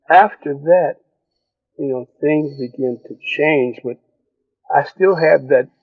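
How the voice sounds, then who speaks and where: An older man from Detroit, a guest who reflects on his upbringing in an unhurried, storytelling way, with frequent chuckles. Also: mid-range voice, dry recording, narrow, tinny audio. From Detroit, USA. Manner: reflective storyteller, chuckles often, restarts phrases. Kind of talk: relaxed career interview.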